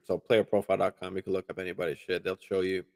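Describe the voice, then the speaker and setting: A man hosting a live fantasy football stream, answering viewer questions in a relaxed, casual way, swearing freely and using lots of fillers and restarts. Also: low-pitched, quick pace, vocal fry. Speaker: fantasy football show host.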